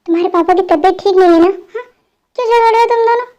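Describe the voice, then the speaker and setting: A woman voicing a caring middle-aged mother in a fan dub drama, gently firm and concerned. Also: extremely high pitch, rapid-fire.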